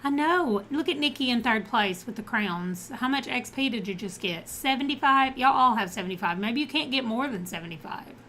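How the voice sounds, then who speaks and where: A woman's voice: fairly high pitch, lively intonation, normal speed, hardly any pauses, fairly bright tone, slight background noise. A woman streaming a life-sim game live, chatting casually, thinking aloud as she reads out options and answers viewers.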